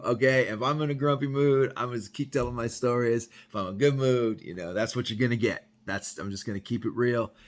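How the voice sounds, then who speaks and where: A man's voice: medium pitch, a bit bright. A man telling a personal story in a loose, rambling way, full of "you know" and "bro.". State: sweaty after yard work. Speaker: vlogger telling personal stories. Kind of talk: casual spoken storytelling.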